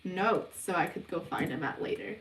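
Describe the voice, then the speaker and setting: A young woman from New hosts a casual livestream Q&A, reading viewers' questions aloud and answering in an unhurried, hesitant way with lots of ums. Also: fairly low pitch, expressive, distant mic, a little hiss or hum. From New Zealand. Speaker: livestream host of a subliminal channel. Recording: roomy sound, voice away from the mic.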